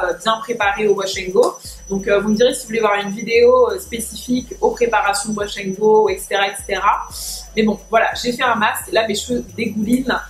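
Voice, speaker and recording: A young woman, a little sick, chatting casually through a hair tutorial at home, pausing often with fillers. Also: medium pitch, reverberant, slight background noise. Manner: chatty, many filler pauses. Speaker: hair care vlogger. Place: home, washing machine spinning nearby.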